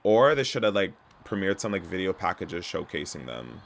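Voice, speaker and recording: A man from Canada chatting casually and gossipily while streaming a wrestling video game at home, with sudden loud yelps. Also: low-pitched, very animated, normal speed, creaky. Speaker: gaming streamer. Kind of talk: casual commentary while playing.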